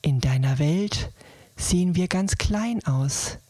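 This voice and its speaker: A woman's voice: on the low side, lively intonation, no room sound. Woman voicing a kind, tender storybook Moon. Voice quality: soft, half-whispered. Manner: tender, slow, warm-hearted. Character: kind, loving old Moon with a friendly face. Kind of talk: bedtime story reading.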